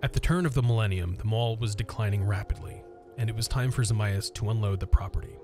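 Low-voiced man narrating a documentary. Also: quick pace, over music. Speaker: urban exploration vlogger narrating history.

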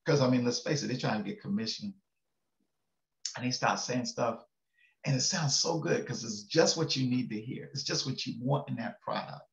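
At normal speed, an older man with a gravelly mid-range voice gives a folksy, casual devotional sermon from his indoors home study, bookshelves around him. He chuckles and checks in with listeners. Captured by a video call webcam, the room sounds echoey and somewhat dull.

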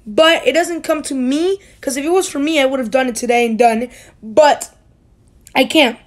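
A school-age youngster from the United States with a high-sitting voice hosts a hobby channel at normal speed. The voice-over is casual and rambling, often correcting itself.

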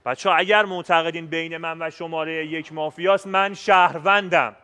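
A man's voice: a little high, fairly even intonation, sharp tone, smooth, big-room sound. A man, a game show contestant, defensively insisting on his innocence to the other players. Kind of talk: heated argument at a game table.

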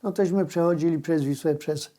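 An older man, reminiscing informally in plain, folksy, halting phrases. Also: fairly high pitch, mellow. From Poland, riverside village in Lesser Poland. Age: older, born 1938. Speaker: local resident recalling village life.

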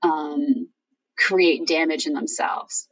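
Low-voiced middle-aged woman, distant mic. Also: steady tone, husky. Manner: halting, informal, thinking aloud. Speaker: guest author. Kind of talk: candid conversational interview, personal anecdotes. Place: room by a bright window, indoors. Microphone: video call, distant computer microphone. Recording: distant video-call microphone.

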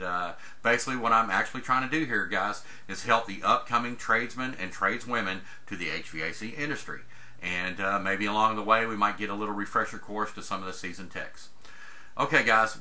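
Over a screen recording, a man walks through an HVAC troubleshooting chart in a casual tutorial, folksy and chatty and saying "guys" often. His voice is fairly low in pitch, pushed and bright.

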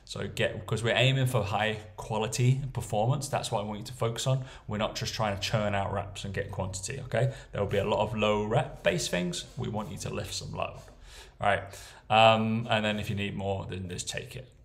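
A man's voice: lowish voice, steady tone, normal speed, creaky. A young man coaching casually while walking through a training plan, often checking in with "okay?" and "right?". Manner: chatty, tags lines with "okay?" and "right?". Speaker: strength coach. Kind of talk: casual screen-share walkthrough.

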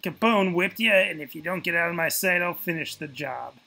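A man's voice: a little high, a little fast, vocal fry, bright, forceful tone, faint music behind. A man doing a weary old mob boss. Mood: menacing. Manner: gangster-movie tough talk. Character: aging male 1920s mob boss, weary.

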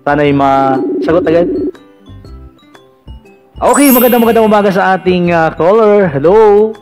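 A man hosting a casual live call-in vlog, chatty and teasing, filling pauses with "ayan". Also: sits high, darkish tone, soft background music. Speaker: vlog radio-style host taking callers.

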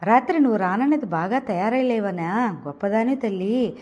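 A woman's voice: fairly high pitch, animated, moderate pace, darkish tone. A woman voicing a sarcastic, teasing young man who needles his younger cousin in an audio novel. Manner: mocking, sarcastic retorts.

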